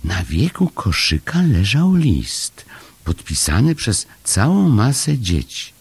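Male storybook narrator, deep voice, gravelly, slow calm telling, lively melody. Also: dry recording. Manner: calm, measured, gently expressive telling. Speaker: audiobook narrator.

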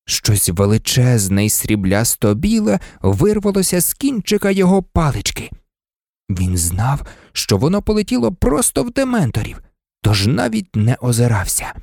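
A narrator reading a children's fantasy story aloud, dramatic and lively, switching into many character voices. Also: mid-range voice, normal speed, vocal fry, no room sound, clean studio sound. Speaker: audiobook narrator.

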